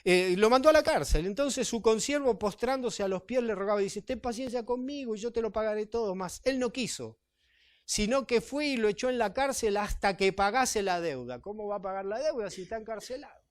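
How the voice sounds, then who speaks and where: A man's voice: high voice, expressive, fairly quick. A man, a pastor preaching a sermon in church, reading scripture and explaining it in a conversational way. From Chile. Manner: conversational, with tag questions to the congregation.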